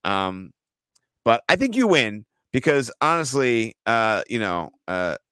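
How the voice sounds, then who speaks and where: A man co-hosting a fantasy football podcast in casual chat, laughing often and turning animated when amused. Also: mid-range voice, takes it slowly, smooth, no echo. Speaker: podcast co-host.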